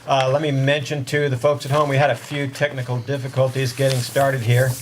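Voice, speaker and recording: A man's voice: medium pitch, level tone, a little fast. A man chairing a board meeting in formal procedural language, speaking up to carry across a meeting room. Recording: noisy meeting room audio with ambience.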